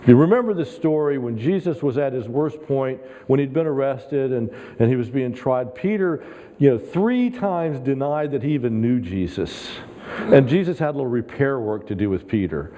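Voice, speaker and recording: A man's voice: medium pitch, normal speed. A man preaching a sermon as a guest speaker, in a casual, conversational way with frequent chuckles. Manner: conversational, chuckling, animated when quoting Peter. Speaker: guest pastor. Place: church sanctuary. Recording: long reverb in a church hall.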